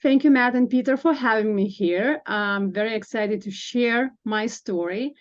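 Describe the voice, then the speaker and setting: A woman's voice: fairly high pitch, normal speed. Earnest woman from lithuania on a podcast, forties, lots of ums, kinda dull lo-fi sound. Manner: earnest, with frequent fillers and small laughs. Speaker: nurse practitioner guest. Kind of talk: podcast interview.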